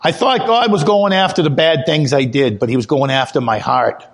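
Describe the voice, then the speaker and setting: A man giving a sermon, earnest and personal, telling his own testimony and growing louder and higher when he stresses a point. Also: normal speed. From Italian heritage. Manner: earnest testimony, rises in pitch when emphatic. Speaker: preacher.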